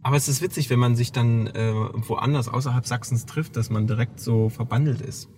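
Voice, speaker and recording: A man's voice: mid-range voice, fairly even intonation, a little fast, a little mellow, slightly rough, faint music behind. A man from Saxony with a Saxon accent, chatting easygoing as a podcast guest in a parked car. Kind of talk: casual podcast chat.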